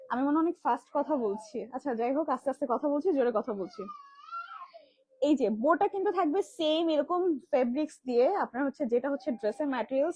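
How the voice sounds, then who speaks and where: A woman from Bangladesh hosting a live stream, showing children's dresses in rapid, filler-heavy sales patter. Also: high-pitched, dark tone. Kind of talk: live product demo selling kids' dresses. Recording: dull lo-fi livestream audio.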